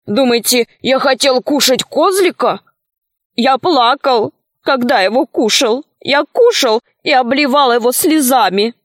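A woman's voice: high voice, unhurried, dry recording. Picture a storybook wolf, a sly and cowardly male creature, whining his excuses in a raised, pleading voice, as a woman reader puts him on. He sounds self-pitying and slippery, and the recording is close and dry. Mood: wheedling. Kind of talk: storybook reading.

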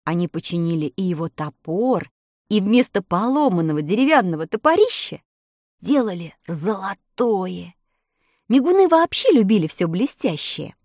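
A woman reads a children's fairy tale aloud, her voice rising and falling through a wide, singsong span. She slows down to lean on key moments. The recording is close and dry, with no room sound. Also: medium pitch, dry recording. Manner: expressive, lilting storytelling with slowed emphasis. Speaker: narrator. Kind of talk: storybook reading.

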